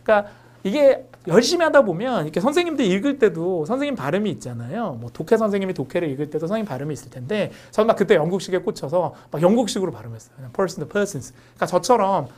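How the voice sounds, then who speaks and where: A young woman English teacher giving an online lecture, explaining pronunciation through lively stories. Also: mid-range voice, very fast.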